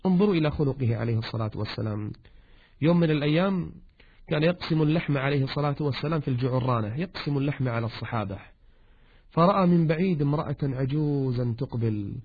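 A man's voice: mid-range voice, lively intonation, fast talker, breathy edge, narrow, tinny audio. A man preaching a sermon in formal Standard Arabic, exhorting listeners and posing rhetorical questions as the preacher of a religious series.

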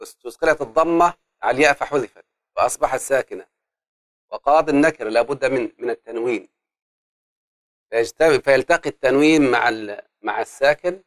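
An Egyptian-accented man leads a lesson on Arabic grammar and poetic meter. He chants the meter's syllables slowly and draws answers out of his students with quick prompts. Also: mid-range voice. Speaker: Arabic grammar and prosody teacher.

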